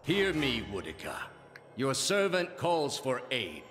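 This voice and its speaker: An actor playing a weary, ancient immortal villain in a video game, a grave and unyielding orator serving the gods. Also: male voice, mid-range voice, huge pitch swings, takes it slowly, a bit bright, soft background music, full character voice. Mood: weary, resolute. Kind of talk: dramatic game voice acting.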